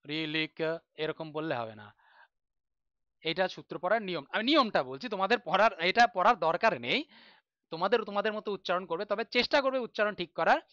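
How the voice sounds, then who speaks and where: Male teacher, bright and crisp, patient explainer who chants drills; dry, dull lo-fi sound. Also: sits high, no echo. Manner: patient, reassuring, recites syllables in a chant. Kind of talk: online grammar class.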